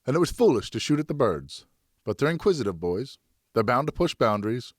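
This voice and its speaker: In a historical audiobook, a male narrator voices a weary French nobleman and father, reasoning earnestly and soothingly in a placating mood. He talks a little fast, his pitch rising and falling animatedly above his usual low register, in a very dry recording with no room sound.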